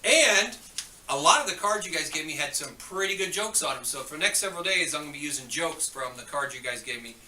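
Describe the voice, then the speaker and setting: A man's voice: on the high side, animated, fast, bright, forceful tone, reverberant, recorded from a distance, a little hiss or hum. A man giving chatty, joking school morning announcements, turning stern when he scolds students, heard over the school intercom.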